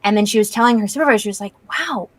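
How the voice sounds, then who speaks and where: A woman's voice: medium pitch, rapid-fire, no room sound. A young woman guest in a casual chat, hesitant and full of ums, laughing easily.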